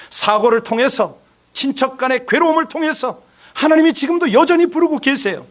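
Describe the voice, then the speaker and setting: High-voiced man preaching a sermon. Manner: emphatic preaching with rhetorical questions to the congregation. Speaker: pastor.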